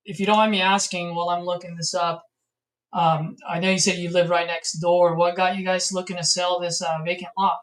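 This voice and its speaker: A man, a real estate investor, on a casual sales call with a seller, friendly and joking while he pushes for a lower price. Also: little pitch movement, brisk, fairly bright tone. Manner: friendly, pushy haggling, jokey.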